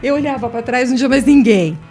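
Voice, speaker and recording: A woman from Brazil, a radio interview guest who tells lively anecdotes, laughs often and acts out the people in her story. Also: on the high side, fast, soft background music. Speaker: interview guest, writer and singer.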